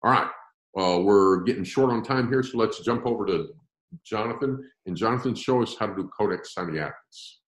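A man teaching a Bible class, explaining texts with emphasis and slowing down to stress key words. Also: on the low side, reverberant. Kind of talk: classroom-style Bible lecture.

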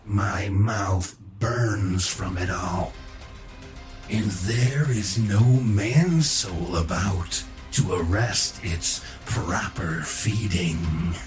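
A man voicing an ancient, ravenous demon freed from its prison, speaking slowly with drawn-out menace. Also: sits low, music in the background. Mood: menacing gloat. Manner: slow, drawn-out menacing delivery. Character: ancient ravenous male demon, gloating and cruel. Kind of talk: audiobook character voice.

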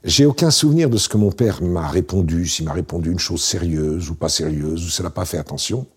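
Casting: man, late 60s, low voice, very husky, relaxed wry storyteller. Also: a little fast. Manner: relaxed, wry, anecdotal with frequent fillers. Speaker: interview guest, founder. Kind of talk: casual storytelling interview.

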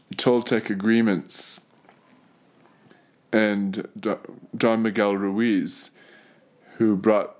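A man hosting a spiritual conversation podcast, speaking in a reflective, gently emphatic way. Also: fairly low pitch. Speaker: podcast host.

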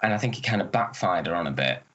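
A man's voice: deep voice, lively intonation, fast talker, fairly bright tone, muffled recording, a little hiss or hum. A man who is an actor, talking in a casual interview and telling stories with lots of restarts. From northern England. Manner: chatty, rambling with restarts. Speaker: actor, guest.

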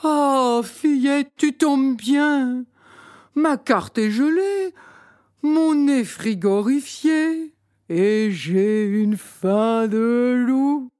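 A plump, jolly old Santa from a storybook, booming out slow, hearty exclamations. A woman narrator acts him out. The voice sits close and dry. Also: a little mellow, dry recording. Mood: grumbling.

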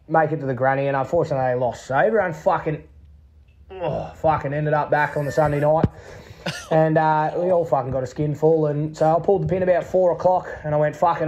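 A man's voice: a little high, steady tone, a little fast, darkish tone, highs cut off, slight background noise. An Australian man telling a casual anecdote in a voice message, blokey and full of swearing and slang. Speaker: listener leaving a voice message.

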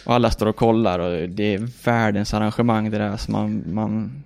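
A racing driver guest with a fairly low, gravelly voice tells his racing story in casual chat, recorded dry. He is animated, acting out his past reactions with shouts and laughter, swearing freely and often saying "liksom" and "jag bara."

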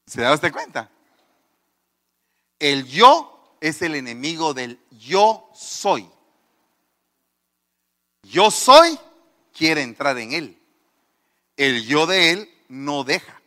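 A man preaching a sermon, emphatic and repetitive, swinging from quiet to loud. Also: mid-range voice, lively intonation, slow pace, pauses often. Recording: long reverb of a large hall.

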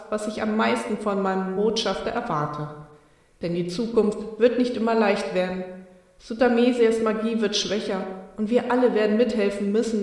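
A wise old sea serpent spirit speaks slowly and ceremoniously, weighing every word, as a woman narrator puts her on. The voice sits in a middle pitch, calm and grave, like an audiobook storybook creature. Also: very echoey, long reverb tail, distant mic, close to an everyday voice. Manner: solemn, measured, ceremonious speech.

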